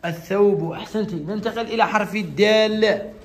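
A man's voice: very high voice, normal speed, bright, forceful tone. A male teacher leading a classroom lesson with young pupils. He talks patiently, repeats each letter and praises the answers.

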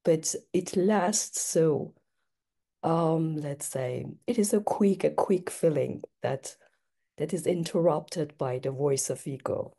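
This young Iranian woman, a native Persian speaker, talks slowly in a low, warm voice. She's a participant in a casual video-call chat from a room at home, sounding hesitant and reflective, with lots of fillers.

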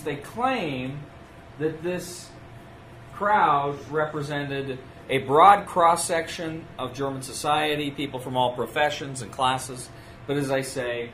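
A man's voice: medium pitch, fairly bright tone, reverberant, a little hiss or hum, poor audio. A man giving a spoken history lecture, explaining and quoting emphatically, repeating phrases for effect.

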